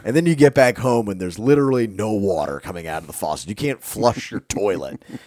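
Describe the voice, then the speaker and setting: Animated low-voiced man telling sports stories. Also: fairly quick. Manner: rambling, animated storyteller who laughs often. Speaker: podcast co-host. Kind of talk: casual sports chat.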